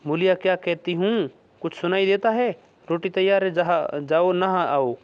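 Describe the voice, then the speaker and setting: A man's voice: sits high, normal speed, smooth, natural voice. A man voicing a scornful, taunting young village wife in a read-aloud story. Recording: dull lo-fi recording.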